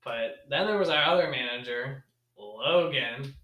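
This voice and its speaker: A man's voice: medium pitch, unhurried, sharp tone. A young man co-hosting a podcast, telling rambling stories with frequent laughs. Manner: rambling storyteller, laughs often. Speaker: podcast co-host. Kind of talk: casual chat. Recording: echoey room.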